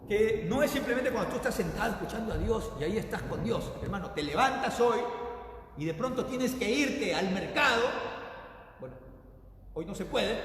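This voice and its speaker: A man preaching a sermon as pastor, swinging between loud bursts and hushed drops, often calling out to his brothers in the congregation. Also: high-pitched, a little hiss or hum. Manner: repeatedly addresses the congregation as brothers. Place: church sanctuary. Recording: very echoey hall with long reverb.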